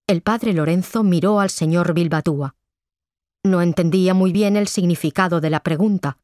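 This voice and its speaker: A woman narrating a simple story slowly and clearly. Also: on the low side, darkish tone, dry recording, clean studio sound.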